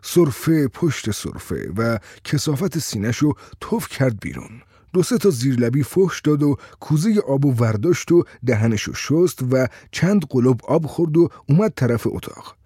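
Husky, mellow male storyteller. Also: mid-range voice, big pitch swings, no echo, studio quality. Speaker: narrator. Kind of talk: storytelling narration.

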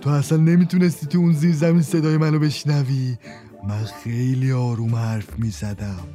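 A man's voice: mid-range voice, fairly even intonation, mellow, faint music behind, natural voice. A man playing a stammering, clumsy crook. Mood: scornful. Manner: stammering, drawn-out. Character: clumsy male thief, jittery and boastful.

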